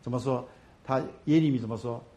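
A pastor preaching to his congregation. He asks questions and answers them himself, swinging from loud emphatic bursts to low, soft asides. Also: a little fast. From Taiwan. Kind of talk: sermon.

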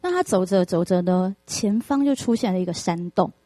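Animated woman preacher telling a story. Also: mid-range voice, brisk, no echo. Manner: animated storytelling with frequent fillers. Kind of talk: sermon with storytelling.

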